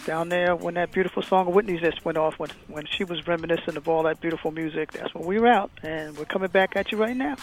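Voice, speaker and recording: Man, high voice, gravelly, singer guest on radio, chatty and laughing, faint music behind. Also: quick pace, hardly any pauses, poor audio. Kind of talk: casual on-air chat.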